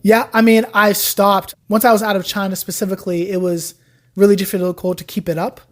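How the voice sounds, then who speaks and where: A young woman appears as a guest on a podcast, chatting casually about learning Chinese. Her mid-range voice moves a little fast as she tells her story in a chatty, animated way, using "like" a lot in this relaxed interview.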